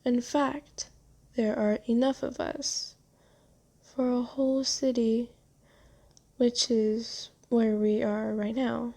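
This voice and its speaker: A woman playing a gentle, genteel vampire in an ASMR roleplay, soft-spoken, comforting and unhurried. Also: a little high, flat delivery, gravelly, heavily acted. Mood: patient explaining. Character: gentle, soothing, genteel vampire who bought a captive. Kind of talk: ASMR roleplay, scripted character acting.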